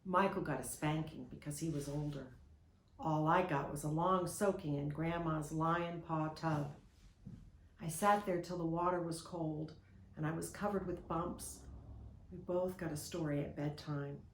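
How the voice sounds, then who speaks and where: A woman gently and expressively reading a children's picture book aloud, with a roomy echo. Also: sits low, steady tone, unhurried, slight background noise.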